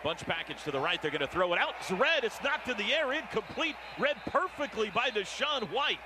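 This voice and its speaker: An American man calls football live on radio as the play-by-play announcer, speaking in clipped phrases that turn urgent on big plays. His high voice swings widely in pitch at a brisk pace, over a roaring stadium crowd and heavy noise.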